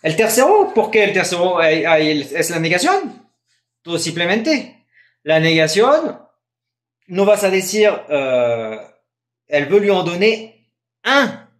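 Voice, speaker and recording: A man's voice: sits high, sing-song, echoey room. A man teaching French in a live online grammar lesson, patiently repeating examples and checking in with his students. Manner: drawn-out French example phrases.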